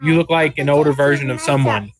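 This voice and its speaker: A man playing a tabletop game, describing things casually in a halting, explanatory way. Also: on the high side, a crowd in the background.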